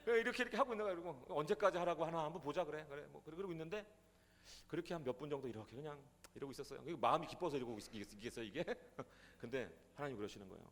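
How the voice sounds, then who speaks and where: A male pastor telling a testimony in a sermon, animated, swinging from loud to hushed. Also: a little high, rapid-fire, big-room sound. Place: prayer retreat hall.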